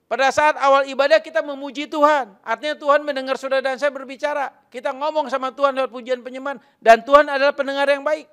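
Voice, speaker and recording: Pastor guy preaching, really high voice, keeps calling out to the congregation. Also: level tone, quick pace, few pauses, a bit bright. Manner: addresses the congregation with frequent "saudara", emphatic and repetitive. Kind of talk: sermon.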